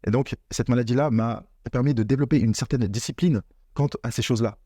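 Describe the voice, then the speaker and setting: Fast-talking man coaching business mindset. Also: medium pitch, warm tone, no echo, clean studio sound. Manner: earnest, repetitive, addresses viewer as tu. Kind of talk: direct-to-camera motivational talk.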